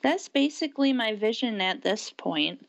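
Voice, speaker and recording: A woman in her thirties co-hosting a podcast, explaining things about herself in a measured, unhurried way. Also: a little high, expressive, creaky, no room sound. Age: 30s. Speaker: podcast co-host. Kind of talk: casual personal account.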